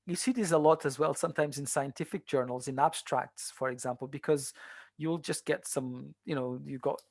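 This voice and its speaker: Gravelly-voiced man teaching translation. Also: mid-range voice, normal speed, darkish tone, no echo. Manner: conversational, many fillers and restarts. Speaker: translation tutor. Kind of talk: online seminar lecture.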